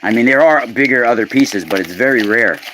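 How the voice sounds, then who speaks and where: Background noise accompanies a man in his forties hosting a live unboxing, his mid-range voice youthful-sounding and fairly quick. He's chatty, calls viewers by name, and bursts into excitement now and then.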